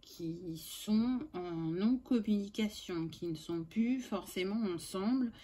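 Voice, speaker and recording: A woman doing a spiritual tarot and oracle card reading for her channel, talking gently with many pauses and fillers. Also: medium pitch.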